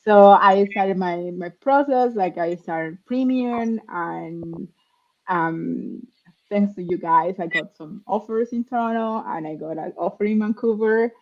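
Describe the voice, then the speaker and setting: A guest software engineer from Colombia gives interview answers over a dull-sounding call line, speaking earnestly and conversationally with some halting restarts. Her voice is medium-pitched and a little mellow.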